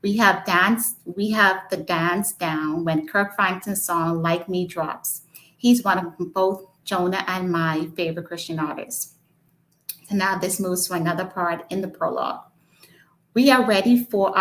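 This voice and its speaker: A woman's voice: fairly low pitch, a bit bright, low-quality recording. A woman from the Bahamas, an author talking hesitantly, with frequent ums, and reading from her book.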